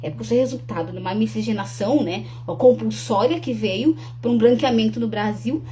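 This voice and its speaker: A woman's voice: on the high side, brisk, dark tone, slight background noise. A young adult woman, talking earnestly to camera with frequent restarts and tag questions. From Rio Grande do Sul, Brazil. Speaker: speaker promoting her talk. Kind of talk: casual to-camera talk.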